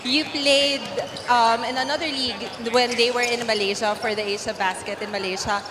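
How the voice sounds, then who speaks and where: A woman's voice: fairly high pitch, steady tone, brisk. A woman with a Filipino accent conducting a courtside basketball interview. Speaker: courtside reporter. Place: courtside in an indoor gym. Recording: echoey noisy gym.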